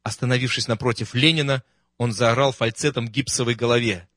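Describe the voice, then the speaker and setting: Guy reading a memoir audiobook, wry and steady, bright dry sound. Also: medium pitch, fairly quick, no echo. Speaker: narrator.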